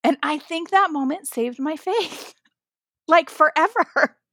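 A woman's voice: high voice, slow pace, dry recording, studio quality. A woman, a pastor, talking animatedly with lots of "like" fillers in a podcast interview. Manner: animated storytelling, frequent "like" fillers. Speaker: pastor and guest.

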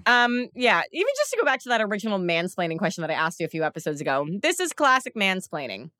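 A woman's voice: mid-range voice, very animated, quick pace, pushed and bright, no room sound, clean studio sound. A woman hosting a podcast in casual chat, blunt, joking and opinionated. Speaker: podcast host.

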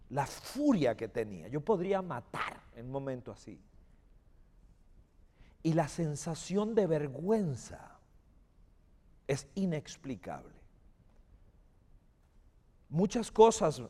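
Slow animated preacher man, hall reverb. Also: a little high. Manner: animated storytelling, calls for amens. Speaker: pastor. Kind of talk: sermon.

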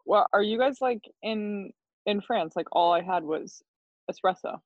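A woman's voice: mid-range voice, unhurried, dry recording. A young woman from Colorado, a guest in a casual chat, laughing easily and starting sentences with hesitation. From Colorado, USA. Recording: dull dry lo-fi call audio.

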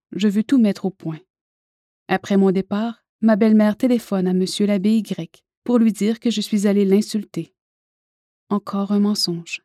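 A woman reading a first-person spiritual memoir aloud in a calm, earnest way. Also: mid-range voice, dry recording, clean studio sound.

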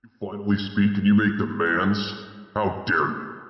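A man voicing an ancient, scornful male demon lord with a gravelly, commanding voice, in an audio story. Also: fairly low pitch, steady tone, normal speed, muffled recording, pitched below the performer's own voice. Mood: contemptuous. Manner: contemptuous, commanding. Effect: echoing reverb.

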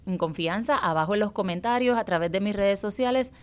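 A woman's voice: mid-range voice, fairly quick, smooth. A woman hosting a self-help series, speaking in an encouraging motivational tone and repeating key phrases.

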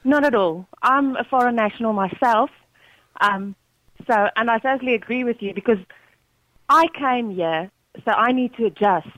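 A South African woman with an Afrikaans-influenced accent phones in to a radio show, polite and agreeable, with frequent hesitant fillers. Her voice is a little high and fairly bright, at a moderate pace with no echo. The telephone line sounds muffled.

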